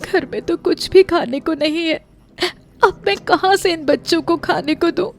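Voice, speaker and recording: A woman voicing a young widowed mother in an animated story, tearful and anxious about feeding her children. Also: high-pitched, normal speed, soft background music, voice pushed up.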